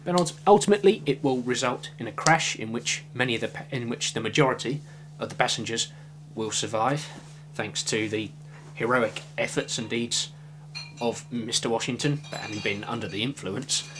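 Indoors in a small room lined with shelves of films, a young man reviews a movie to his desk webcam, his mid-range voice at a moderate pace over some background noise. He rambles and gestures, hedging constantly with fillers in a casual way.

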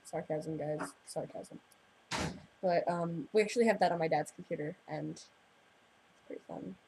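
A woman's voice: lowish voice, brisk, vocal fry, dark tone, slight background noise, poor audio. A teenage girl hosting a casual vlog, bubbly and giggly, rambling between topics. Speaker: vlog host. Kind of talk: casual chat.

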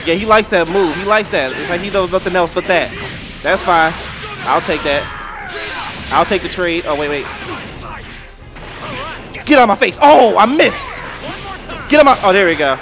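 A man hosting a gaming channel, giving excitable live gameplay commentary as he talks to the screen, with frequent outbursts and shouts. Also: high voice, brisk. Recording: game music playing behind.

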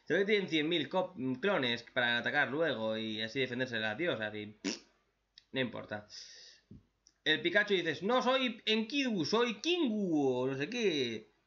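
A man's voice: animated, moderate pace, sharp tone. Profane man ranting, lo-fi. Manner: profane, mocking, acts out characters in shrill high voices. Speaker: anime reaction youtuber. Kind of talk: casual anime recap and rant.

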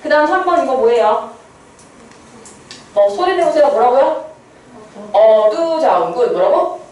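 A woman teacher talks her class through a lesson, tossing questions to the students and answering them herself. Her voice is a little high and swings up and down. The recording is very echoey and distant, with a faint hum of room noise underneath. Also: expressive, normal speed, a little mellow. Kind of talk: classroom lecture.

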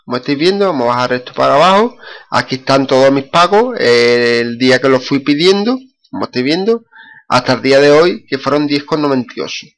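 A man's voice: mid-range voice, animated, fairly quick, a bit bright. Spanish man narrating a screen walkthrough. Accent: Spain. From Spain. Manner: repetitive, frequent fillers and restarts. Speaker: screencast vlogger. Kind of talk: casual screen-recording walkthrough.

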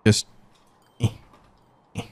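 A man's voice: extremely slow, darkish tone, dry recording. A man rambling chattily to his viewers during a casual live game stream, speaking into a studio mic through a mixer. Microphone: studio mic through an audio mixer.

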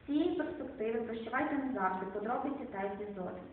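A woman poet reading her own verse and translated poems aloud, in a slow, measured recitation whose lines often fall quiet at the end. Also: fairly high pitch, lively intonation, a little hiss or hum. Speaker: poet reading at a club evening. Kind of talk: poetry reading. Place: club or small hall. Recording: distant, echoey phone-quality room recording.

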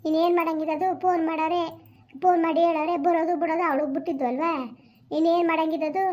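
A woman in a village comedy sketch who scolds and consoles in rapid bursts. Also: extremely high pitch, flat delivery, a little mellow. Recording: dull lo-fi sound.

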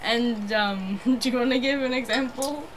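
A woman's voice: a little high, moderate pace, background noise. A young woman co-hosting a casual book discussion, giggly and chatty, loosely summarizing the story. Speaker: podcast co-host reading a book.

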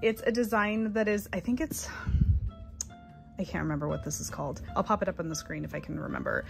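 A woman's voice: lowish voice, big pitch swings, brisk, creaky, faint music behind. A woman hosting a knitting podcast, chatting casually and gushing about her projects, recorded on a phone that sits a little away from her. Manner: chatty, gushing, trailing off mid-sentence. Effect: recorded on a phone, a bit distant and quieter. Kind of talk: casual show-and-tell chat. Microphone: phone camera held at a distance.

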